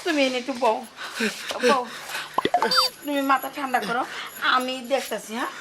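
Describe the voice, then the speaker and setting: In a rural comedy drama, an actress plays a fussing village mother loudly scolding her daughter over a rude son-in-law. Her high voice holds a steady tone at normal speed, against heavy background noise.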